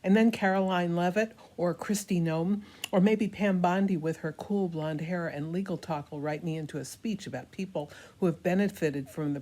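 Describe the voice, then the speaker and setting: An older woman with a low voice performs a satirical monologue like a stage actor. Her delivery is hammy and theatrical, and she plays out the dialogue inside her first-person storytelling. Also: dark tone. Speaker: performer reading a comic monologue.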